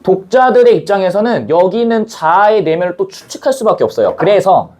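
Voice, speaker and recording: A man's voice: high voice, brisk. A man teaching a Korean language class in a casual, chatty way, talking to students in the room. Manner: animated, chatty, acts out scenes, blunt slang.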